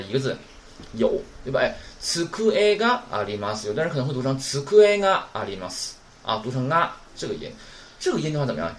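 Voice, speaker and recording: A man teaching Japanese in a recorded lesson, his pitch rising and falling in an animated way. He keeps asking his listeners questions and sounds out syllables slowly and clearly. The recording is roomy, with a faint hiss behind him. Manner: models pronunciation slowly and clearly. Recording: roomy with faint background noise.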